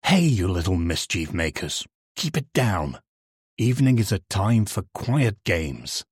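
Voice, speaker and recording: A man voicing an old, lonely male street lantern in a storybook reading, complaining and daydreaming, with a husky voice. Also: sits low, big pitch swings, measured pace, no room sound, clean studio sound, heavily acted. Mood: grumbling.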